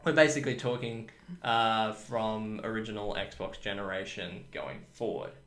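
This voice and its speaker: A man's voice: on the low side, steady tone, fairly bright tone. Chatty man co-hosting. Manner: chatty, dry sarcastic asides, quick laughs. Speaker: podcast co-host. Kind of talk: casual chat.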